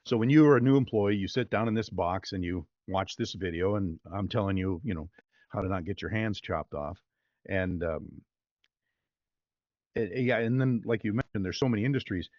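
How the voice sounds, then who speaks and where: A male voice-over artist, talking casually as an interview guest, in a relaxed and chatty way with fillers. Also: fairly low pitch, normal speed, no echo, muffled recording.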